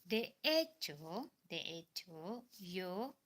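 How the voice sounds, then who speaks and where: A woman from Indonesia speaking Spanish as a second language with an Indonesian accent, chatting casually on her live stream, repeating phrases and filling pauses with "eh". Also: fairly low pitch, sing-song. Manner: repeats phrases, many "eh" fillers, simple non-native Spanish. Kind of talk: casual live stream chat about culture.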